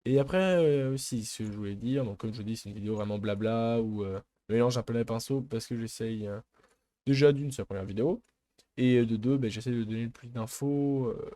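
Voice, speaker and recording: A man's voice: mid-range voice, warm tone, no echo. A man giving chatty, rambling commentary while playing a modded block-building game, with lots of hesitant fillers. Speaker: gaming youtuber. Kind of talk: casual let's play commentary.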